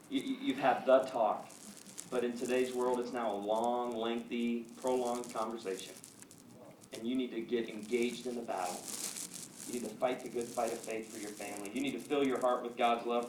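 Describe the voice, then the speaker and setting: A middle-aged male pastor preaching a sermon, telling personal stories with animated, acted-out quotes. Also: medium pitch. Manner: animated storytelling, acts out quotes. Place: church sanctuary. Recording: echoey hall, mic at a distance, audience noise.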